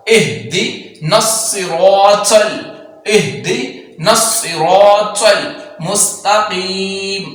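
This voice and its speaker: A man teaching Quran recitation. He explains each rule quickly, then recites the verse slowly and draws it out. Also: high voice, fairly bright tone. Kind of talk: tajweed lesson. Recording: very echoey room.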